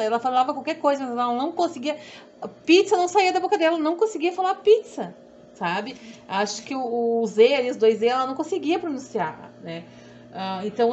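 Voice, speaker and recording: Rambling southern Brazilian woman, slightly high. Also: darkish tone. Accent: southern Brazilian Portuguese. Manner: rambling, repetitive, self-deprecating. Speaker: sewing instructor. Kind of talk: chatty sewing tutorial. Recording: dull audio with faint background hum.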